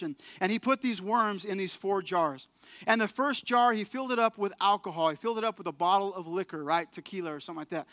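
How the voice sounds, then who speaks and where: Bright, high-voiced man preaching a story. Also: dry recording. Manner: animated storyteller, rising to emphatic peaks; frequent quick restarts and repeated words. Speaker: pastor. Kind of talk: storytelling sermon.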